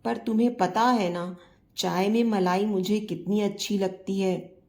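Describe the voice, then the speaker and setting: A woman's voice: medium pitch, steady tone, a little slow, a little mellow, lightly acted. A woman voicing a joking, affectionate husband in his sixties who teases and pleads with his wife. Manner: teasing, fond, pleading.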